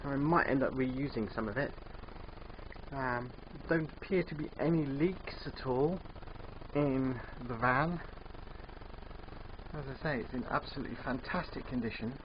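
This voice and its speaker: An older man with a thick, sore, swollen-sounding throat, narrating a casual DIY vlog in a hesitant, unhurried way. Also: medium pitch. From England. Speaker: DIY van converter presenting. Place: in and around a van. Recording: dull muffled sound, background vehicle noise.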